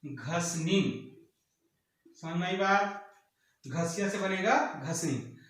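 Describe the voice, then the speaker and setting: Guy teaching grammar, keeps asking the class questions, high voice, sounds far from the mic. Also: a bit bright. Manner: repeats words and quizzes students, drawn-out answers. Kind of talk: exam-prep grammar lesson. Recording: very echoey room, voice far from mic.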